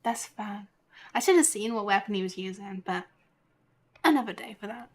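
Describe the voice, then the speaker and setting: Over game music, a woman game streamer chats and giggles her way through casual live gameplay commentary. She speaks at a normal speed in a medium-pitched, expressive voice with a darkish tone.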